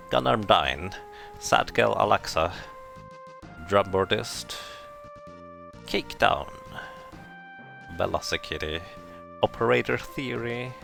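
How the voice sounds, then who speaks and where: A man's voice: lowish voice, gravelly, pushed and bright. A man streaming a game, chatting casually and thinking aloud, his voice sounding tinny and canned through a substitute microphone. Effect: tinny tin-can sound from a substitute microphone.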